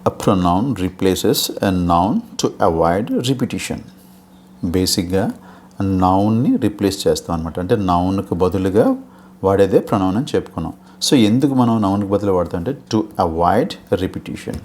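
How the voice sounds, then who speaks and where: With a deep voice at a moderate pace and a darkish tone, a Telugu-accented man teaches English grammar for a teacher exam, explaining patiently and checking in often with "okay?". It's an exam-prep lecture in Telugu using English terms, with slight background noise.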